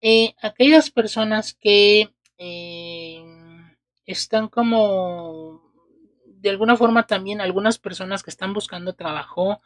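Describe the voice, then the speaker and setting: Unhurried woman reading tarot cards. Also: mid-range voice, dry recording. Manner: unhurried, many filler "eh"s and checking "¿ok?". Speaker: tarot reader. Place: indoors at a table.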